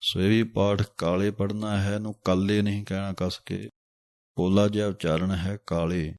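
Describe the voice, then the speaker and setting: Man, low-pitched and unhurried, chanting verses in a teaching recitation, dry close sound. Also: level tone, a little mellow, dry recording. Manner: alternates slow chanted verse with quick spoken pronunciation notes.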